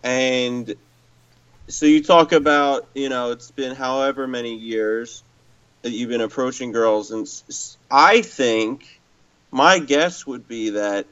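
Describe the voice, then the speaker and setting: A man's voice: mid-range voice, takes it slowly, fairly bright tone, clean tone, muffled recording. A man hosting a casual talk, giving dating advice in a thoughtful, hedging way. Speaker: host, dating coach.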